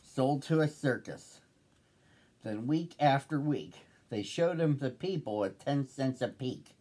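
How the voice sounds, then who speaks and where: Man, storybook read-aloud, husky voice, lively swooping pitch. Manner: slow, lively storyteller's lilt. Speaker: host reading a children's book.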